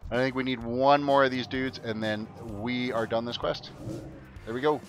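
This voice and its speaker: A man's voice: mid-range voice, steady tone, moderate pace, faint music behind. A man chatting casually as a game streamer into a headset mic, laid-back and full of filler ums. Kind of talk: casual livestream chat while gaming. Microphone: headset mic on a livestream.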